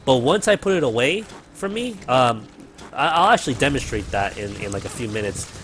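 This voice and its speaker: A man's voice: mid-range voice, lively intonation, fairly quick, a bit bright, slight background noise. A man hosting a gaming livestream from his apartment, chatting casually and rambling with fillers and the odd swear word, his cheap mic close to his mouth. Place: home apartment.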